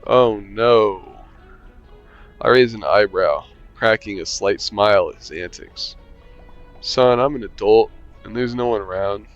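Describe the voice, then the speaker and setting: A fairly low-voiced man, a game streamer, reads through a visual novel a little slowly, commenting with dry sarcasm and casual swearing. The sound is lo-fi, and soft music plays behind him.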